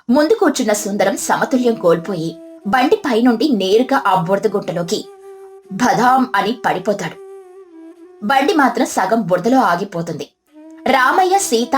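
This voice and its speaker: A woman giving scripted storybook narration in a steady, descriptive way. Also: mid-range voice.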